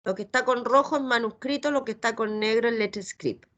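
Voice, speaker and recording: A woman's voice: a little high, a little fast, a bit bright. A middle-aged woman with a Chilean accent teaching a reading lesson, patiently sounding out letters and syllables. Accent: Chilean Spanish.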